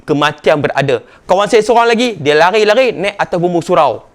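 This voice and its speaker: A middle-aged preacher from Malaysia, speaking with a northern Malaysian accent, tells a story to a youth audience. His voice sits high and swings widely. He addresses the listeners often and surges louder at dramatic moments. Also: expressive, a little fast. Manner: dramatic, with sudden rises in pitch and loudness.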